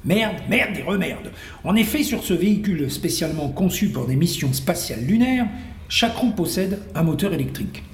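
A man's voice: high voice, animated, moderate pace, echoey room. A man playing a grumpy loner living on the moon, in a sweary, mock-serious comic monologue. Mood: wry.

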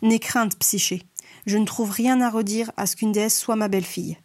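A woman's voice: medium pitch, fairly even intonation, moderate pace, a little mellow, close to an everyday voice. A woman voicing Aphrodite, a haughty goddess who speaks with scorn and mockery, in a storybook reading. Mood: mocking. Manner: scornful and mocking.

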